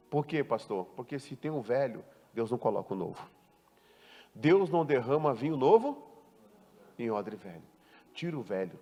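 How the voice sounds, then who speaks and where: A man pastor preaching a sermon, emphatic and full of rhetorical questions, swinging from loud to hushed. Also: a little high, in a large hall. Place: church.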